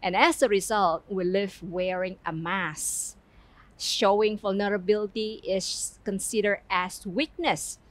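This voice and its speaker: A woman's voice: medium pitch, steady tone, a little slow. A woman teaching a Bible study lesson in an earnest way, asking her listeners questions.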